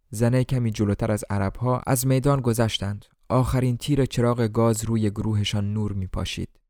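A man from Iran reading a novel aloud as an audiobook, switching between formal narration and lively voices for the characters. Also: on the low side, dry recording, clean studio sound. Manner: colloquial Tehran-style speech in dialogue, formal literary narration. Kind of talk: audiobook narration with acted dialogue.

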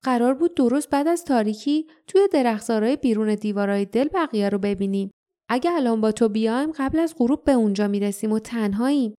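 Earnest stubborn teenage boy, read by a woman, protesting, mellow warm tone, audiobook. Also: a little high, close to an everyday voice.

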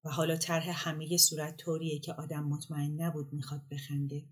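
A woman narrating a literary short story in a calm, measured reading voice. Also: low voice. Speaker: story reader. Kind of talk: audiobook narration.

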